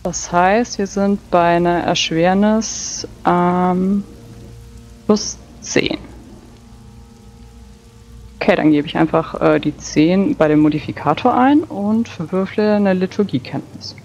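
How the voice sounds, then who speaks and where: A woman's voice: on the low side, slow pace, darkish tone, slight background noise. A woman narrating her character's actions and working through rules as a player in a tabletop role-play. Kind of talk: casual game narration and rules talk. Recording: dull lo-fi mic over background music.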